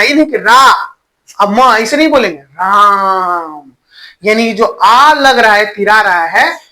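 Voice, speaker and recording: A man's voice: very high voice, bright, forceful tone, poor audio. A man teaching a Hindi grammar class online. He asks the students questions, answers them himself, repeats key points and mixes in English words. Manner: stretches vowels while demonstrating sounds.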